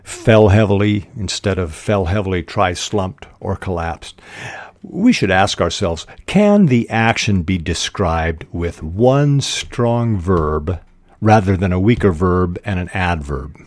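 An older man with a very low voice talks slowly and deliberately, like a host reading his own script. The sound is close and dry, with no room around it. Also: expressive, no room sound. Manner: measured, deliberate teaching delivery. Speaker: writing podcast host. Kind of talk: scripted podcast talk.

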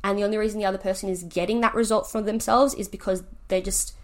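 Woman, young adult, very quick pace, mid pitch, emphatic, talkative, casual explaining. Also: steady tone.

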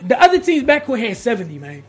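A man co-hosting a casual sports podcast, emphatic and slangy, building up to loud points. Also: very high-pitched, huge pitch swings, quick pace, slightly rough. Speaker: podcast co-host.

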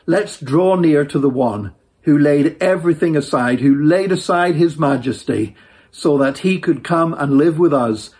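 A man with an Irish accent shares a devotional story in a lilting, earnest storyteller's way. His voice sits a little high for a man and has a husky grain. He preaches through personal testimony, leaning on repeated phrases to make each point land. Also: a little mellow.

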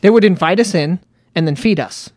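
A man co-hosting a casual podcast chat about running tabletop games, animated and laughing often. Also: high voice, a little fast, no echo, clean studio sound. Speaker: podcast co-host and game master.

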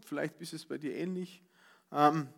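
A Bavarian man preaching a sermon, switching between loud outbursts and soft asides and acting out grumbling voices. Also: fairly high pitch, fairly even intonation, normal speed, gravelly.

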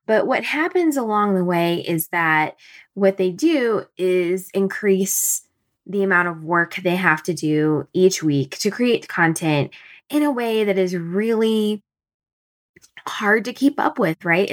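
A woman in her thirties hosting a solo podcast from home early in the morning, her voice a bit raspy, chatty and thinking out loud with fillers. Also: mid-range voice. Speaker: podcast host. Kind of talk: casual solo podcast talk.

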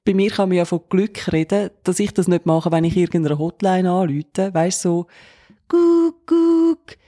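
A woman's voice: lowish voice, steady tone, fairly quick, warm tone. A young woman with a Swiss German accent, co-hosting a podcast in casual chat and playfully acting out quoted voices. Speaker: podcast co-host.

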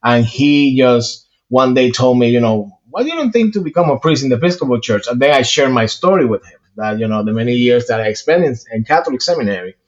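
A man's voice: medium pitch, expressive, a little fast, few pauses, dull audio. A man with a Puerto Rican Spanish accent, a priest talking earnestly in a casual interview, with many fillers and restarts. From Puerto Rico.

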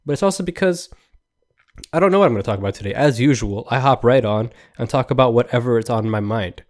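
A young man hosting a solo podcast, rambling and joking in an animated, exasperated rant. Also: mid-range voice, fast talker. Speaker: podcast host. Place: New York.

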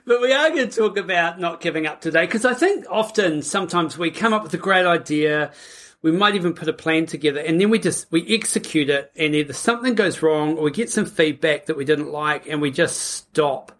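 A woman's voice: low voice, brisk, fairly bright tone. A woman hosting a podcast in a casual, upbeat, conversational style. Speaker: podcast host.

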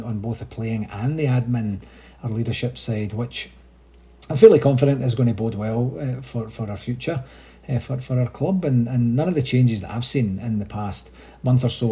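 A man's voice: fairly low pitch, mellow. A Scottish man hosting a casual solo podcast update, chatty and rambling, with frequent restarts. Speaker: supporters' association podcast host.

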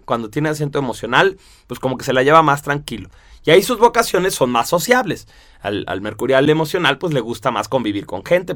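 A man with a Mexican accent talks through a topic like an informal lesson. His voice sits at an ordinary middle pitch. He keeps it conversational and checks in with quick rhetorical questions. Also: a bit bright. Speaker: lecturer on personality types. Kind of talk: casual explanatory monologue.

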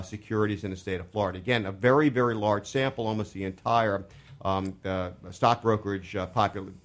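Halting radio finance show host. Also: male voice, fairly low pitch. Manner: halting, many fillers and restarts, joking.

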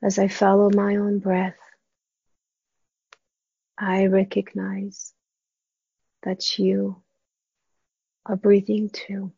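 A woman guiding a meditation in a soft, hushed, spa-like near-whisper, gently and with long pauses, her voice breathy and husky. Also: medium pitch, completely flat delivery, dry recording. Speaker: meditation guide. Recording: dull, muffled, dry close recording.

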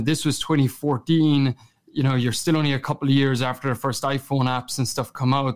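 This podcast guest, a chief marketing officer, has a smooth mid-range voice and a west of Ireland Kerry accent. He answers the interview questions casually and conversationally.

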